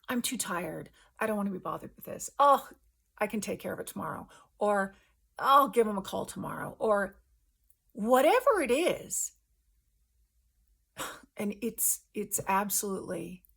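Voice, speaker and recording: A woman host giving an earnest spiritual testimony in casual language, speaking emphatically with halting pauses between short phrases. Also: mid-range voice, creaky, fairly bright tone, breathy edge.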